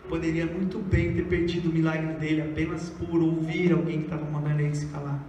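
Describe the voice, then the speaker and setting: A man's voice: a little high, little pitch movement, fairly quick, warm tone, faint music behind. A man preaching a sermon, dramatic, acting out the voices of the people in the story. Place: church hall. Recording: echoey church hall from far off.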